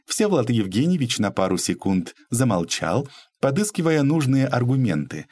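Lively male audiobook narrator. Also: mid-range voice, normal speed.

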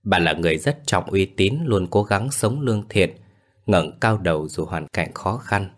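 Deep-voiced man narrating a ghost story. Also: lively intonation, moderate pace.

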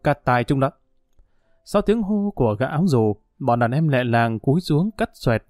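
A man's voice: mid-range voice, big pitch swings, moderate pace, a little mellow, no room sound, studio quality, soft background music. Man narrating a crime story.

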